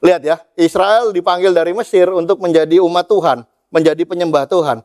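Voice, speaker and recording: A man's voice: sits high, fairly quick, darkish tone, dry recording, studio quality. A man preaching a sermon as pastor, with playful asides to the congregation, acting out God's words in a raised voice.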